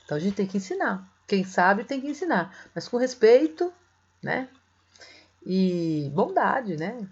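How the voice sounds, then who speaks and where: A woman with a Brazilian accent teaching a Portuguese grammar lesson in a chatty, gentle way, often asking "tá?" and "né?". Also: medium pitch, very animated, a little slow, breathy edge. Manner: chatty, ends phrases with "tá?" and "né?"; gentle, encouraging. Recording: slightly dull lo-fi sound.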